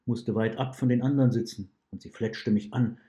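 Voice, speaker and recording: A man's voice: mid-range voice, fairly even intonation, brisk, warm tone, natural voice. A man voicing a remorseful, weary male wolf imprisoned in a dungeon, talking in a pained, confessing way, in a read-aloud story. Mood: bitter, hurt.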